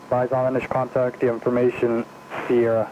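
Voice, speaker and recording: A man reading a recorded airport weather broadcast over aviation radio in a rapid monotone, listing weather and airfield notices. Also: medium pitch. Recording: muffled aviation radio with faint static.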